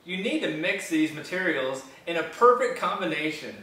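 A man's voice: fairly high pitch, lively intonation, normal speed. A young man co-hosting a goofy homemade cooking show sketch, hammy and over the top, recorded in a home kitchen on a camera mic. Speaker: comedy cooking show co-host. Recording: echoey kitchen, camera at a distance, faint hiss.

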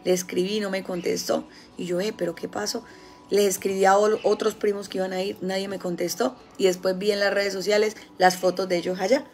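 A woman with a Colombian accent giving a casual spiritual talk, telling stories with lively, acted-out quotes. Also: mid-range voice, brisk, few pauses. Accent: Colombian Spanish. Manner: animated storytelling, acting out quoted voices. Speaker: spiritual healer.

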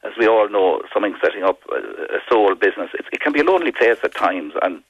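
A man with a west of Ireland accent giving a radio interview, husky and often repeating words as he goes. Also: fairly low pitch, lively intonation, fast, no echo. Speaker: community development company representative, interview guest. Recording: dull, band-limited phone-like radio sound.

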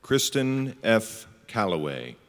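A man reads graduates' names one by one at a commencement ceremony. His voice is somewhat low and his pace very slow. The long reverb of a big auditorium trails after each name. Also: big pitch swings, fairly bright tone. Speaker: name reader. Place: large auditorium.

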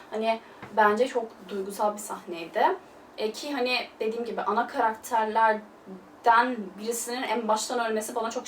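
A young woman talks through a casual film review, her voice a bit high and caught from some distance in an echoing room. She gushes freely and leans on loose fillers. A faint hiss sits under the recording. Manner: gushing, chatty, loose filler-heavy talk. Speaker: film vlogger.

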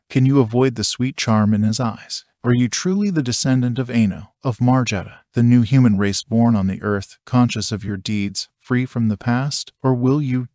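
Old male seer, solemn, slow, grave, read by a man narrating, dry sound. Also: medium pitch, darkish tone, dry recording, natural voice.

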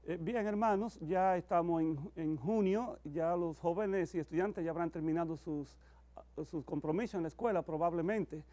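High-pitched, mellow middle-aged priest. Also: male voice, normal speed. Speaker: priest celebrating televised Mass. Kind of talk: homiletic announcements and liturgical blessing. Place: indoor chapel, at the altar.

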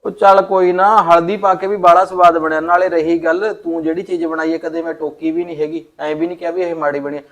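A man with a Punjabi accent acting a husband in a short film, calming his wife down. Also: a little high, quick pace, few pauses. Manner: placating, easygoing.

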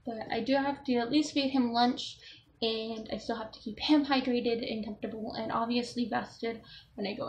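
A woman's voice: a little high, slight background noise. Chatty young woman with a raised voice. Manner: rambling, self-correcting, with frequent ums. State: has the hiccups. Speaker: vlogger with a service dog. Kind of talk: casual show-and-tell vlog.

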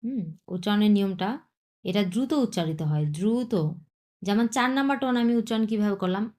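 A woman teaches an online language lesson at a mid pitch. She talks patiently and repeats each point, checking often that students understand. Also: fairly quick, a little mellow.

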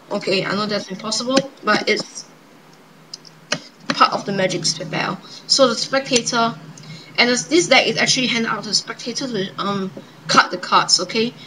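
A young woman casually presenting a card trick, improvising her patter in a hesitant, halting way. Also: a little high. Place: indoors at a table. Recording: noisy home webcam-style recording.

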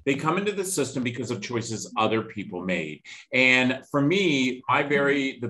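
A middle-aged man with a bright, forceful voice hosts an interview over a video call. He speaks with passion and emphasis, hammering points home by repeating them. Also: mid-range voice, rough recording. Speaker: podcast host. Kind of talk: casual interview.

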